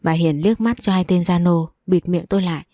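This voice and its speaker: A woman narrates a written story in a low, mellow voice. Her telling is even and plain. The recording is dry and close. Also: a little fast, dry recording.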